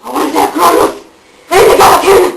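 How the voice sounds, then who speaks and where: A woman in an amateur film playing a spiteful demon that has possessed a young girl, snarling and shouting back. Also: very high voice, rapid-fire, gravelly. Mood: furious. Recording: roomy, distant and noisy.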